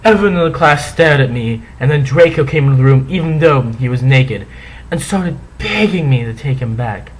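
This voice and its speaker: Theatrical, animated man reading comically. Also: medium pitch, normal speed, slight background noise, rough recording. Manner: theatrical, sarcastic. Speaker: reader and commentator. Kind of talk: comic dramatic reading with mocking asides.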